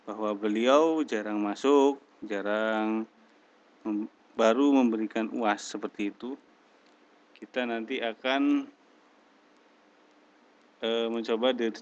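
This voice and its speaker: A male tutor leading an online English class at an unhurried pace. He starts over often and mixes English phrases into his talk. The recording is dull and lo-fi. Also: lowish voice. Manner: slow, hesitant talk with many restarts, mixing in English phrases.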